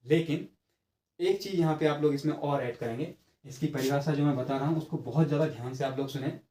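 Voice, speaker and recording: A male teacher leads a grammar lesson for exam prep in an echoey room, going step by step, checking on his students and stretching sounds out as examples. He speaks a little fast in a slightly high, warm voice.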